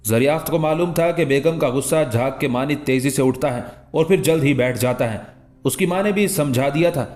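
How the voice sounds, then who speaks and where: A man reading an audiobook in a measured storytelling manner. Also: fairly high pitch, darkish tone. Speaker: audiobook narrator. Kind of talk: scripted audiobook narration.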